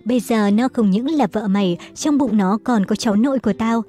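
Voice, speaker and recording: A woman's voice: fairly high pitch, brisk, warm tone, soft background music, natural voice. A woman voicing a stern elderly father who scolds and threatens his son. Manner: commanding, scolding.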